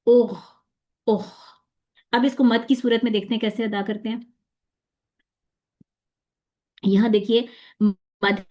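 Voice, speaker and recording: A woman teaching tajweed pronunciation in an online lesson, patiently drilling letter sounds slowly and repeating them. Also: fairly high pitch.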